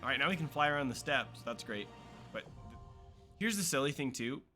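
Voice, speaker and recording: A man's voice: mid-range voice, animated, a little fast, sharp tone, faint music behind. A young adult man chatting casually as a streamer while playing, reading game text aloud. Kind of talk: casual gameplay commentary.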